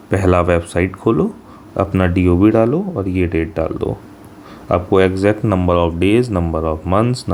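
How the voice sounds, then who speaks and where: An Indian exam coaching teacher with a low, darkish voice explains a job notification informally, blending Hindi and English and frequently tossing in short check-in tags. A faint hiss or hum sits under the recording.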